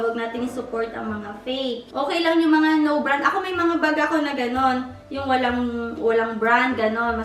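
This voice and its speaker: Woman vlogger from the Philippines, chatty and excitable, high voice, slightly distant and echoey. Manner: chatty, excitable, mixes English into her talk. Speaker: vlogger unboxing a handbag. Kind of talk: casual chat to camera. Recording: roomy, a bit off-mic, soft music behind.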